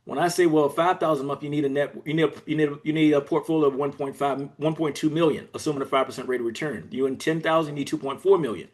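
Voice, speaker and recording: A man from Georgia, USA, talking as a guest on an interview podcast. His voice sits a bit high for a man. He explains things earnestly, one step at a time, as an executive coach would. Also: steady tone, quick pace, hardly any pauses.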